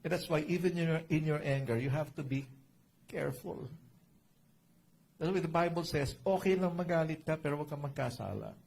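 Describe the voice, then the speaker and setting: A man's voice: fairly high pitch, normal speed, gravelly, darkish tone, slight background noise. A middle-aged man with a Filipino accent preaching a sermon in a chatty way, mixing in English, often asking his listeners "right?" and adding joking asides. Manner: Taglish code-switching, conversational, asks "di ba?" often; jokey asides with laughter. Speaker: pastor.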